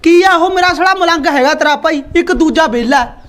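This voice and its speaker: A boastful village husband, played by a woman, talks in long, rambling bursts and brushes off every objection. The voice sits high. It is a comic sketch. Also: fairly quick. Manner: bragging, rambling, talks over his wife. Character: boastful village husband hooked on a money scheme.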